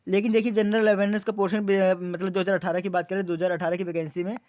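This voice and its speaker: A man's voice: high voice, little pitch movement, fast talker, darkish tone, no room sound. A young man explaining exam details to students, repeating key points as questions and answers, with frequent fillers. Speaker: exam coaching YouTuber.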